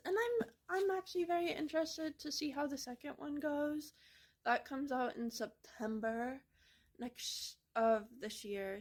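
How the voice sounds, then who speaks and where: A woman's voice: mid-range voice, poor audio. A young woman chatting casually about books she has read, rambling with lots of fillers. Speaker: book reviewer. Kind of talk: casual book review vlog. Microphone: phone camera.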